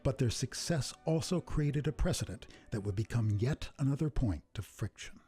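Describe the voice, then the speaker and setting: A man giving a scripted documentary narration about a composer, in a measured, even storytelling manner. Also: mid-range voice, faint music behind. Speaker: program narrator.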